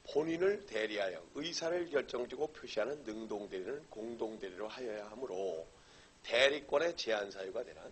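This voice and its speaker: A man's voice: mid-range voice, husky, low-quality recording. A middle-aged man lecturing on law. He poses questions and answers them himself, and keeps checking that the class follows. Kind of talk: exam-prep lecture.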